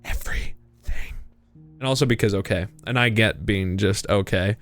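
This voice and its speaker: A man's voice: on the low side, moderate pace, a bit bright, soft background music. A young man streaming a puzzle game, thinking aloud in a chatty, giggly way. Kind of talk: live gameplay commentary.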